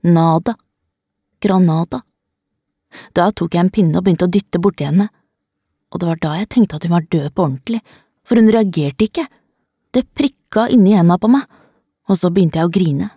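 A woman reading a children's story aloud in the first person, in a calm and even storytelling manner, close to the microphone. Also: lowish voice, long pauses, slightly rough, dry recording. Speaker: narrator.

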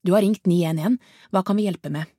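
A woman's voice: fairly low pitch, mellow, breathy edge, no echo, studio quality. A woman narrator voicing an emergency dispatcher asking procedural questions in an audiobook. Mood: brisk.

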